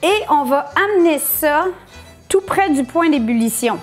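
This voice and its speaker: A woman's voice: sits high, expressive, unhurried, soft background music. A woman hosting a casual cooking tutorial, playful and jokey. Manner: playful, jokey, laughs often. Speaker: cooking show host.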